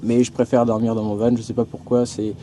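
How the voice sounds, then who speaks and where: A man's voice: medium pitch, level tone, brisk, mellow, a little hiss or hum. A young man from France narrating a casual vlog tour of a house and garden, hesitant, with many fillers and restarts. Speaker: travel vlogger.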